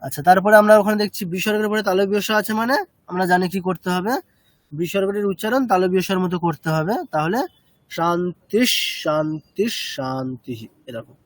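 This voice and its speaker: A man's voice: sits high, fairly even intonation, fast, dry recording. A man teaching a chanting class, explaining step by step and checking with short questions.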